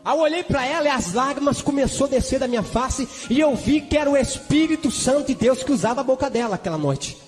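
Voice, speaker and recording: High-voiced Brazilian preacher in a reverberant church. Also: male voice, expressive, fast, few pauses, faint music behind. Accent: Brazilian Portuguese. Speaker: preacher giving a testimony. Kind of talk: church testimony.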